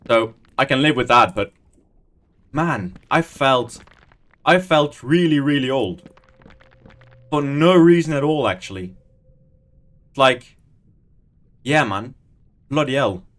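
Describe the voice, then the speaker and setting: With a medium-pitched, slightly bright voice, a man in his 20s rambles casually during a Minecraft stream. He's talkative and self-deprecating, quietly muttering while he types out commands.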